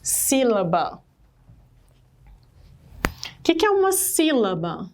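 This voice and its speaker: A woman's voice: a little high, big pitch swings, takes it slowly. A woman with a Brazilian Portuguese accent teaching an exam-prep grammar lesson, asking the class questions and stressing key words.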